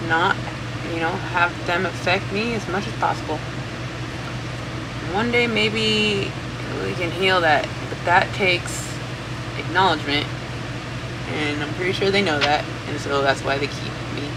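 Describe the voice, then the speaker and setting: An informal tarot reader who rambles and thinks aloud, swearing casually, with a fan running in the room. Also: mid-range voice. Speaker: tarot reader, channel host. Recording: steady fan noise throughout.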